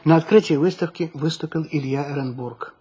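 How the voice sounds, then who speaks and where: A man's voice: fairly high pitch, fairly quick, warm tone, husky. A man presenting scripted radio narration in the manner of an old newsreel. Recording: dull old recording, crowd noise behind.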